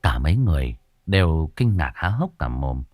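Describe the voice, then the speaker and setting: A man's voice: a bass voice, big pitch swings, moderate pace, darkish tone, no room sound. A man narrating a ghost story with dramatic, varied storytelling delivery.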